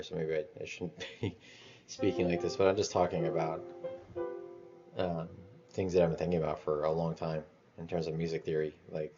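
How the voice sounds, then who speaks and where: A man rambling in a casual monologue about music theory, halting and restarting as he thinks aloud. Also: sits low, a little mellow, highs cut off. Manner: musing, halting, many restarts and swearing.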